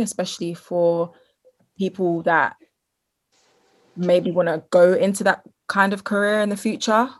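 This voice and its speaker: A woman's voice: fairly low pitch, darkish tone. A woman speaking reflectively in a casual panel discussion.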